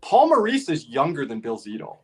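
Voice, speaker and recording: A man's voice: fairly high pitch, huge pitch swings, fairly quick, slightly rough. A man hosting a hockey podcast. He talks loosely and fills his speech with "you know" and "like". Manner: loose, filler-heavy, lots of "you know". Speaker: podcast host. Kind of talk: casual hockey podcast chat.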